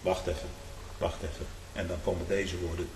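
A man preaching a fiery sermon, swinging from loud outbursts to hushed low tones and often adding a questioning "hm?". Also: level tone, moderate pace, slight background noise. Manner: fervent, often adds a questioning "hm?". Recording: echoey hall with long reverb.

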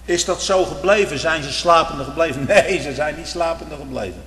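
This is a sermon in a church: a man speaks with fervour and cadence at a moderate pace, alternating loud bursts with hushed murmurs as he poses rhetorical questions. A faint hum sits beneath the long reverb of the large, echoey hall.

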